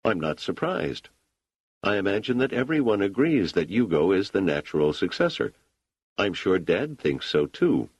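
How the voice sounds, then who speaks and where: A man's voice: sits low, big pitch swings, moderate pace, breathy edge, no room sound, full character voice. A man reading an audiobook, voicing a skeptical grown son who talks bluntly with dry sarcasm. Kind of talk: audiobook character voice.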